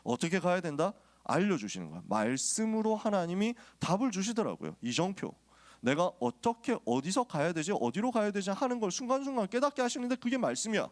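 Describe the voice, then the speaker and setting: A man's voice: sits high, brisk. A male pastor preaching to a youth group, telling personal stories in a casual, joking way before urging his listeners on. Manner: lively storytelling, casual and joking, then exhorting.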